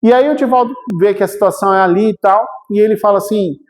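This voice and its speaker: A man with a Brazilian Portuguese accent, a guest speaker telling a story in a spiritual talk. He tells it in a lively way, acts out the quotes and keeps checking in with the listeners. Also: high voice, fast. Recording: long hall reverb.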